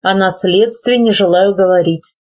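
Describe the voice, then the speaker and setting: Idealistic young nephew voiced by a woman reader, earnest, formal, husky, muffled recording. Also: medium pitch, moderate pace, darkish tone, close to an everyday voice. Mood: firm. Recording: dull lo-fi recording.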